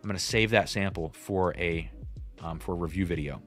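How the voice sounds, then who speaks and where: Low-voiced man in his thirties. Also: fairly quick, a bit bright, faint music behind. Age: 30s. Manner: thinks aloud, reacts to chat. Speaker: host. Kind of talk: casual livestream whiskey tasting.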